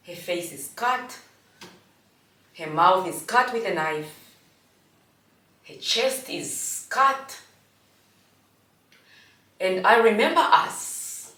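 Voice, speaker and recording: A woman in her forties from Namibia recounts her past in a slow, reflective monologue and often stops to restart her sentences. Her voice sits low. She sounds a bit distant from the mic, in a room that echoes. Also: fairly bright tone. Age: 40s. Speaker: host. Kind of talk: personal storytelling monologue.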